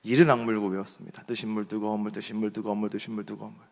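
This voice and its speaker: A young man preaching as a pastor, speaking standard Seoul Korean as an animated storyteller. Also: lowish voice, rapid-fire, gravelly. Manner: animated storyteller acting out shouted quotes. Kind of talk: sermon with storytelling. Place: church hall. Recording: long reverb of a church hall.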